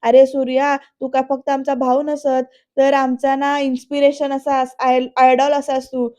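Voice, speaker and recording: A woman reading the lines of loud, loyal young male friends teasing and rallying a pal. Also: high voice, level tone, unhurried.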